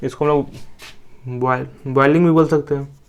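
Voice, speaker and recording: A young man from India gives a science lesson in a classroom lecture, posing questions to the class, answering them himself, and repeating each key term. His voice is on the high side and steady, at a moderate pace with a clean tone.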